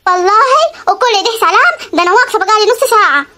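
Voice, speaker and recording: A voice actor doing a fiery jealous village wife. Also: female voice, extremely high pitch, quick pace, a little hiss or hum. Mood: scolding. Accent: Upper Egyptian Arabic. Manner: sharp-tongued, quarrelsome. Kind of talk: animated comedy voice acting.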